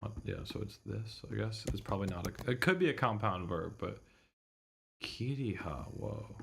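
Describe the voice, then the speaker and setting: A man streaming a visual novel gives laid-back commentary, musing half under his breath and swearing casually. His voice is lowish, creaky and husky yet fairly bright, expressive in delivery at a moderate pace.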